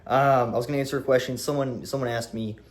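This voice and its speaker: A young man around twenty vlogging to a camera on a tripod, animated and rambling, with swearing and restarts. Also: medium pitch, fast talker. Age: young adult. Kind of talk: casual talk to camera.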